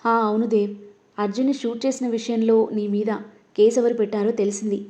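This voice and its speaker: A woman voicing a brisk young male friend. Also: high-pitched, flat delivery, dark tone, natural voice.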